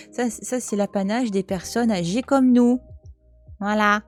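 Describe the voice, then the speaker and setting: A chatty, teasing French woman in her thirties streams casually from home, bantering with her viewers as she plays. Her voice sits at a middling pitch, and faint music plays under her talk. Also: slow. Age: 30s. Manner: chatty, teasing, talks back to chat. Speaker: Twitch streamer. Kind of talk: casual live-stream chat while playing. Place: at home, cat nearby.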